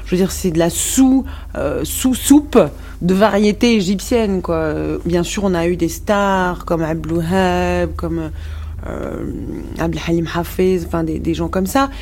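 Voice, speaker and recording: A woman's voice: on the low side, unhurried, darkish tone. A woman from Morocco, speaking frankly as a musician guest in a radio interview, with many restarts and fillers.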